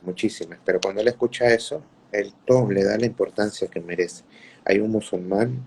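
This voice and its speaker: A male preacher telling religious stories to listeners in an unhurried way, often repeating words while he searches for the next one. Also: fairly low pitch, gravelly, dark tone, slightly rough. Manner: greets listeners mid-talk. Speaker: Islamic preacher. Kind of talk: religious storytelling talk.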